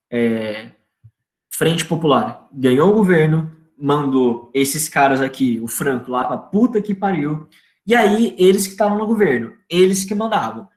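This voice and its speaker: A Brazilian-accented history teacher talks through a lesson in a loose, slangy way, often asking the students questions. The voice sits at a middling pitch. The room around it rings with echo. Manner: informal and slangy, asks students rhetorical questions. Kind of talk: casual online history lecture. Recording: echoey room.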